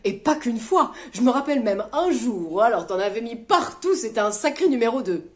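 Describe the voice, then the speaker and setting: A woman's voice: fairly high pitch, animated, normal speed, natural voice. A woman playing a smug male teacher who needles a pupil in a mock-fatherly way. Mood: teasing. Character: smug middle-aged male teacher, teasing.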